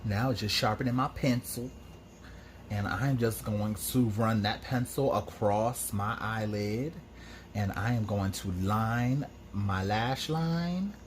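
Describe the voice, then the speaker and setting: A man's voice: lowish voice, slow, a little hiss or hum. A man talking through a makeup tutorial as host in a sassy, campy drag queen manner, chatty and slangy. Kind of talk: casual makeup tutorial commentary with chatty asides.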